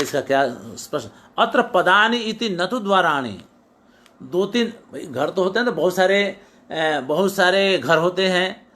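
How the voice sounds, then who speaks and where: A middle-aged teacher lectures on classical poetics in a voice slightly high for a man and a bit bright. He quotes a verse and then explains it piece by piece, repeating, stumbling and restarting words along the way.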